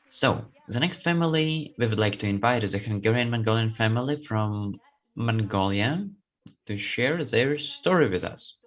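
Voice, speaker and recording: Event host, medium pitch, effusive delivery, live presenting style. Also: expressive, moderate pace.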